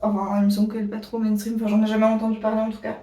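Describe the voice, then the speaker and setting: A woman vlogger chatting casually to her viewers, rambling and pausing often on fillers. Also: on the high side, completely flat delivery, dark tone, far from the mic. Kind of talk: casual chat to camera. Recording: echoey room, voice a bit off-mic.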